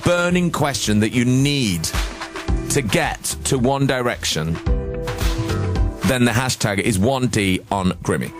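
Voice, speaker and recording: A man's voice: unhurried, long pauses, over music. A young man hosting a radio breakfast show, chatting casually and joking with his team in the studio. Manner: chatty and joking, with lively pitch swings.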